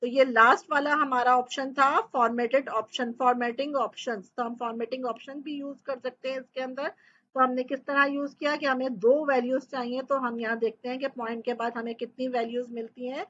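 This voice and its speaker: A woman's voice: high voice, little pitch movement, a little fast, a bit bright, lo-fi sound, a little hiss or hum. A woman teaching programming, explaining step by step and often checking in with her students. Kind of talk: coding tutorial lecture.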